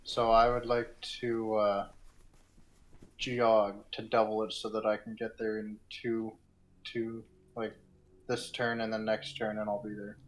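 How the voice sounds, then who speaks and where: A young man playing a tabletop game, halting and repeating words, laughing often. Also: fairly low pitch, little pitch movement, slight background noise, low-quality recording. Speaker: player. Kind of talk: casual game chat.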